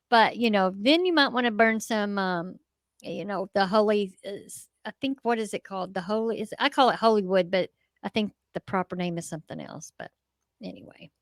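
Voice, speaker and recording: Recorded with studio quality and no echo, a middle-aged American woman speaks in a mid-range voice. As co-host of a paranormal show, she keeps things casual and folksy, with off-the-cuff talk and some mild swearing.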